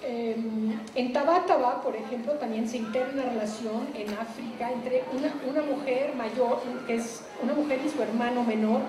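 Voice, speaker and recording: A woman gives a reflective public talk about her translation work, pausing often with fillers and restarts. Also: a little high, reverberant, background noise. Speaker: literary translator.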